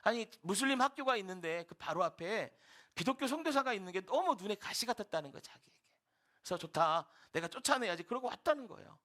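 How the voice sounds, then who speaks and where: A male pastor preaching a sermon, telling a story with lively delivery and dropping to a whisper for quoted lines. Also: high voice, fast. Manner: animated storytelling, quotes characters in hushed whispers. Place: church sanctuary.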